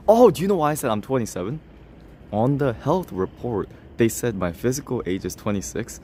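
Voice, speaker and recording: Laughing a lot and poking fun at himself, a man in his 20s reads comments and speaks directly to his livestream chat in a casual way. His voice sits on the low side and is a little mellow, with a little hiss or hum in the audio.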